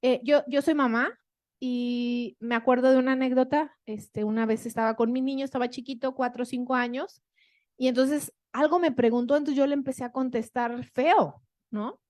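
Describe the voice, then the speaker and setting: A woman with a Mexican accent lectures an audience in a relaxed, conversational way, often ending her points with rhetorical questions. Her voice sits fairly high, and the sound is dry and close with little room echo. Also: normal speed. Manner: chatty, tags sentences with rhetorical questions.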